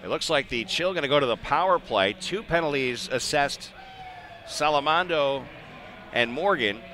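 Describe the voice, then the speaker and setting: A slightly high-pitched American man with a sharp tone and lively intonation calls live hockey at a normal speed. He keeps it conversational, using short, clipped phrases, as background noise carries clearly through the arena broadcast.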